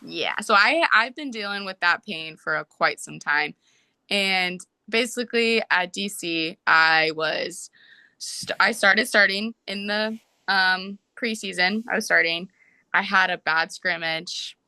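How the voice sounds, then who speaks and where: A young woman and soccer player, a podcast guest, telling a story in casual, animated talk full of "like"s. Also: medium pitch, clear, resonant tone, dry recording. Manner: animated, fast storytelling with many "like"s.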